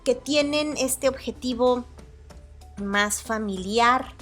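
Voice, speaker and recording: A woman's voice: a little high, takes it slowly, a bit bright, faint music behind. A woman with a Mexican Spanish accent hosting a solo podcast, talking in a chatty, hedging way and often correcting herself. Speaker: podcast host. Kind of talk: casual solo podcast commentary.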